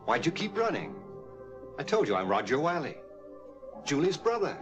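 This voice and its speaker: An actor playing a plain-spoken, concerned rancher with a steady, polite manner in a vintage American TV suspense drama. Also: male voice, a little high, moderate pace, muffled recording, music in the background. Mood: concerned, matter-of-fact. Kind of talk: mid-century American TV suspense drama acting.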